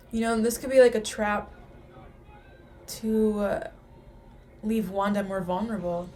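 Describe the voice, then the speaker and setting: Excitable woman reacting aloud. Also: a little high, slight background noise. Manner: excitable, gasps and exclaims at the screen; speculates aloud to viewers. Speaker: reaction video host. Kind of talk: casual reaction commentary.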